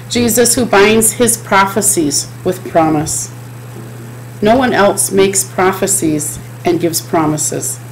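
A woman's voice: medium pitch, a little hiss or hum, low-quality recording. Middle-aged woman preaching earnestly at a webcam. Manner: earnest, repetitive preaching cadence. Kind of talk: chapel sermon. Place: home office with bookshelves, indoors.

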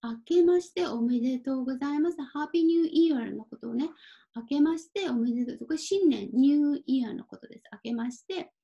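A woman's voice: high voice, brisk, mellow. A woman teaching a vocabulary lesson, repeating each word several times and adding short English glosses. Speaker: Japanese language teacher. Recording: dull lo-fi audio.

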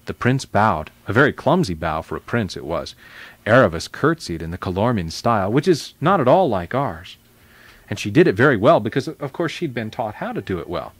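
A man hosting a children's radio show, reading a novel aloud in an expressive, lively storytelling manner. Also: lowish voice, brisk, husky, dry recording.

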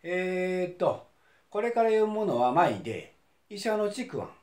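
Gruff king of hell, put on by a man, high-pitched bluster, Kansai accent, scolding, echoey. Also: sing-song, measured pace, a little mellow. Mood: stern. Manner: booming, scolding, impatient.

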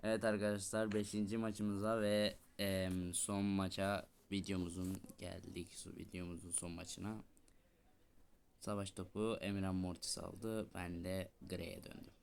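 A young man casually commentating his own gameplay as the host, chatting excitably with teammates. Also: sits low, measured pace, vocal fry. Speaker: gaming video host.

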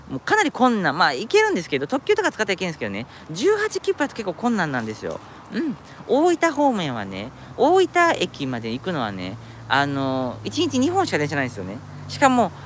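A man's voice: sits high, a bit bright. A man chatting casually on a live stream from an outdoor park, reading viewer comments aloud and laughing at himself. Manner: chatty, self-mocking, laughs often. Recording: outdoor traffic noise. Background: street traffic.

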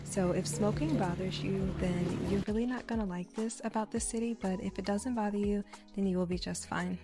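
A woman's voice: medium pitch, fairly even intonation, brisk, dark tone. Woman, travel vlog narrator, casual chatty read over faint music. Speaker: travel vlogger.

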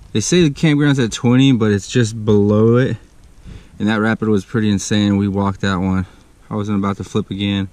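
A man's voice: lowish voice, darkish tone. A young man, casually recapping a kayak fishing trip outdoors on an action camera. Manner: laid-back, rambling recap. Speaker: fishing vlogger. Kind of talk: casual outdoor vlog narration. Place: outdoors on a riverbank.

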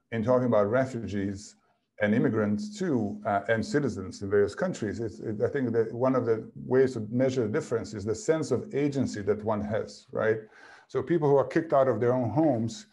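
A man's voice: mid-range voice, darkish tone. A man in his fifties, an author on a panel, speaking over a video call from a home office and working through his ideas in long, thoughtful clauses. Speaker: author guest. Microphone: video call, computer mic.

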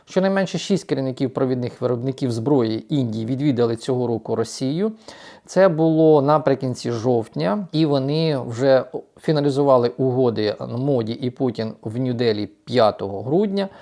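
Man, news commentator, casual, ironic asides, mid pitch. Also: dark tone. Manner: ironic, addresses viewers as friends. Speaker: political commentator.

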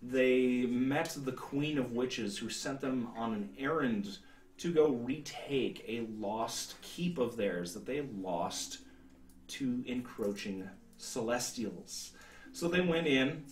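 A man in his thirties narrating a tabletop role-playing game as game master, explaining things somewhat hesitantly. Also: mid-range voice. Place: indoor room, seated at a table. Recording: roomy sound, distant mic.

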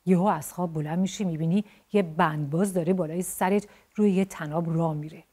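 A feisty little tomboy girl with a blunt, quick temper, put on by a woman reading a storybook. She speaks in a raised, mellow, slightly husky voice. She is chatty and lively. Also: lowish voice.

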